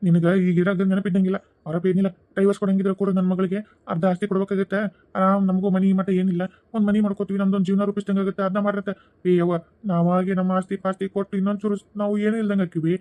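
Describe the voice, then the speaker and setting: A man's voice: high voice, flat delivery, very fast, warm tone, no echo, natural voice. A man voicing a helpless, pleading young husband in a cartoon, with a North Karnataka Kannada accent. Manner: pleading, whining.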